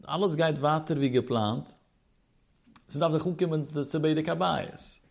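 Here the Talmud lesson comes from a man with a fairly high, gravelly voice at normal speed. As a religious teacher, he builds his reasoning in stages, asks rhetorical questions, and uses Hebrew study terms often.

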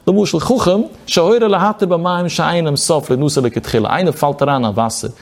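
A man's voice: a little high, brisk. A man giving a Talmudic study lecture as a religious teacher, in a sing-song study cadence that swoops up and down.

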